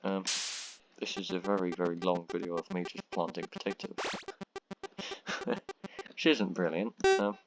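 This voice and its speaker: A man with a monotone voice giving rambling, self-deprecating commentary on his own gameplay, full of ums. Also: deep voice, brisk, over loud music, rough recording. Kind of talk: casual let's-play commentary. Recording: loud background noise and keyboard clicks.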